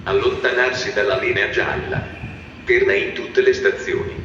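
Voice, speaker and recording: Man, train station announcement, public address loudspeaker, formal measured delivery, very echoey, distant, loud station noise. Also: lowish voice, fairly even intonation, muffled recording.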